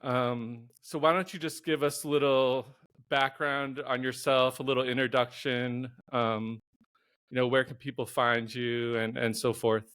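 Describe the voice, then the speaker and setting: Male host, mid-pitched voice, easygoing chatty delivery, dry close recording. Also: a little slow, clear, resonant tone, no room sound. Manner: relaxed, chuckles often, filler ums. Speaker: podcast host and photographer. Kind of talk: casual interview hosting.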